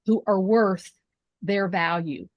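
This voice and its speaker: A woman's voice: medium pitch, slow pace, no room sound, muffled recording. A woman who works in real estate, speaking in a casual podcast discussion and repeating words as she builds a point.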